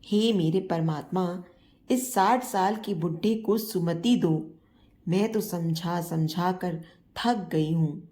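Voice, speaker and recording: A woman's voice: fairly low pitch, slow pace, warm tone. Woman voicing a scolding, loving older wife. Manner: scolding, bossy but loving. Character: sharp-tongued caring older wife.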